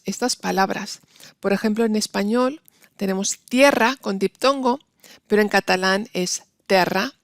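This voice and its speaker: A woman giving a university lecture, her voice slightly gravelly. She explains step by step and slows down on each example word. The sound is dry and close, with no room echo. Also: mid-range voice. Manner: explanatory, slow careful stress on example words. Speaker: Spanish linguistics instructor.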